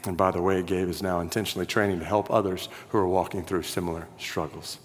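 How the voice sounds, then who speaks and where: A man preaching a sermon as a pastor, earnest, his voice dropping low and quiet at the ends of phrases and rising when he appeals to listeners. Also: flat delivery, fast talker, slight background noise. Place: church sanctuary. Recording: long reverb of a large hall.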